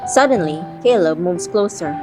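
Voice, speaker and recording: A woman's voice: on the low side, expressive, normal speed, close to an everyday voice, low-quality recording. A woman playing a guarded, feisty young woman, narrating an audio drama in the first person and voicing her dialogue. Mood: wistful. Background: background music.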